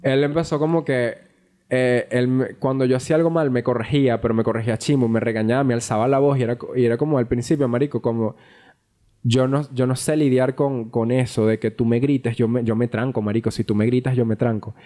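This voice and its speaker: A young man, co-hosting a podcast and telling a personal story in a casual, animated, swear-filled way. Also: mid-range voice, brisk. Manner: animated, profane, acts out quoted dialogue. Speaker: podcast co-host.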